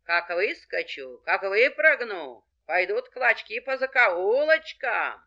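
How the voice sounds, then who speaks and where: A boastful, threatening fox snarls her warning slowly and deliberately, as a woman storyteller puts her on, each word stretched out. It is a storybook villain's voice, sly and full of bluster. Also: medium pitch, very animated, bright, forceful tone, dull audio, full character voice. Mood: menacing. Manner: slow, menacing, drawn out. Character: boastful, threatening vixen squatter.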